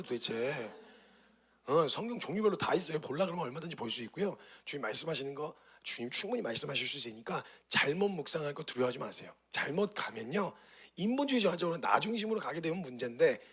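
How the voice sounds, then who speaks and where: Fast-talking gravelly male pastor teaching. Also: on the high side. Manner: lively storytelling with rhetorical questions. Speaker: pastor teaching a meditation course. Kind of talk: teaching talk.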